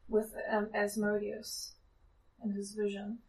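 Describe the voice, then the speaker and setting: A woman's voice: mid-range voice, monotone, slow, a little mellow. A woman playing a tabletop role-playing game, speaking her character's lines conversationally. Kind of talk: in-character dialogue and table chat. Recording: very echoey room.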